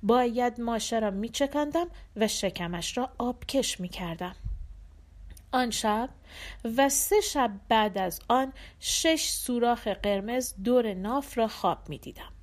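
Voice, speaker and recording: A woman narrating a translated short story in a measured, even storytelling manner. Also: fairly high pitch. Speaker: audiobook narrator. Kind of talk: scripted literary narration.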